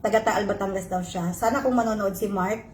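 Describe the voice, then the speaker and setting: A woman's voice: mid-range voice, steady tone, fairly quick, slight background noise. A woman vlogger telling her viewers an emotional personal story, switching between Tagalog and English. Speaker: vlogger host. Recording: roomy echo.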